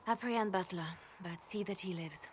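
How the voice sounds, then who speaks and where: A woman's voice: medium pitch, brisk, background noise, close to an everyday voice. An actress playing a cold, ruthless woman spymaster in a video game, clipped and commanding. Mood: stern.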